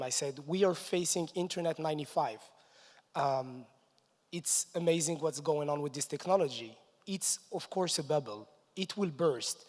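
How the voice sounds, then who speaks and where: Guy giving a conference talk, upbeat, little chuckles, voice echoing around a huge hall. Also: a little high. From Morocco. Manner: energetic, chuckles between points. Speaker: conference speaker. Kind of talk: stage presentation. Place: large conference hall stage. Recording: long reverb of a large hall.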